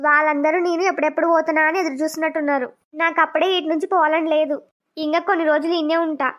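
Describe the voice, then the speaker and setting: A woman voices a spoiled young daughter in a cartoon, whining and pleading. Her voice is high and fast. The sound is dull and lo-fi. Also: little pitch movement, close to an everyday voice. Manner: whiny, pleading. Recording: dull lo-fi recording.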